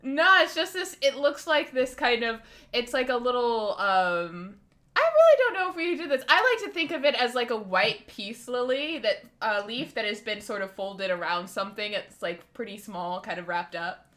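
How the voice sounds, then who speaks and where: A woman's voice: a little high, lively intonation, normal speed, fairly bright tone. A woman running a tabletop game as game master, easygoing and hesitant with plenty of fillers.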